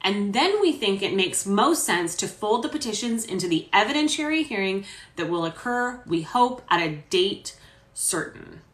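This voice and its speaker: A woman's voice: mid-range voice, big pitch swings, natural voice. A woman reading as a formal male attorney. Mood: earnest. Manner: formal, measured legal argument. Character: male attorney making formal courtroom argument. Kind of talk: dramatic reading of a court transcript. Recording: roomy echo.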